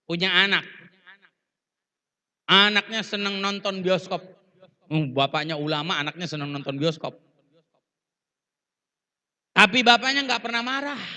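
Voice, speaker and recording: A man's voice: high-pitched, pushed and bright. A man preaching a sermon at a religious gathering. He tells stories, acts out the dialogue in them and speaks straight to the audience with polite apologetic asides. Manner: storytelling, acting out quoted dialogue. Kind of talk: Islamic sermon at a Maulid event. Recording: reverberant hall PA sound.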